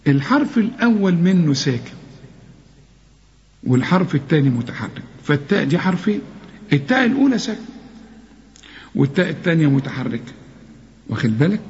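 A man with an Egyptian Arabic accent teaching Quran recitation rules, explaining step by step and slowly chanting the verse examples. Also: a little high, a little mellow. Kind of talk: tajweed lesson. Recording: lo-fi muffled recording.

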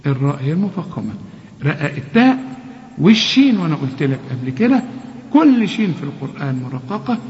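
Egyptian male recitation teacher, a bit high, slow drawn-out recited examples, quick explanations, muffled lo-fi sound. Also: very animated, darkish tone. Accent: Egyptian Arabic. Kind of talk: tajweed lesson with recited examples. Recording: dull lo-fi sound with long hall reverb.

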